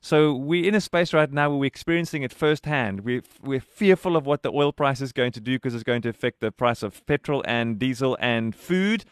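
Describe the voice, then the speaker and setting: A man hosting a radio interview, talking in an animated, conversational way. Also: mid-range voice, normal speed, hardly any pauses, smooth, dry recording, clean studio sound. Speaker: radio host.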